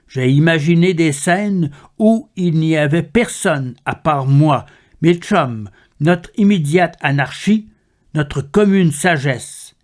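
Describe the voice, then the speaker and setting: A man reading poetry aloud in a measured, deliberate recitation. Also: a little high, a little mellow. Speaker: poetry reader.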